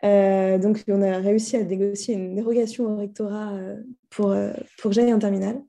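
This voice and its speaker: A woman in her thirties, a guest on an interview podcast, telling her life story with many pauses, fillers and restarts. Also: mid-range voice, little pitch movement, mellow. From France. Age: 30s. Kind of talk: casual interview.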